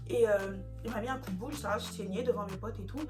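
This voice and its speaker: A young woman from France telling a dramatic storytime in a casual vlog, in lively, slangy street talk. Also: medium pitch, fast. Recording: music playing underneath.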